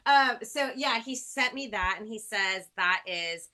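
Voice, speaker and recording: In a casual video-call chat, a singer-songwriter hosting a music interview talks with her guest, gushing and full of appreciation. Her mid-range voice is pushed and bright, and she keeps a measured pace.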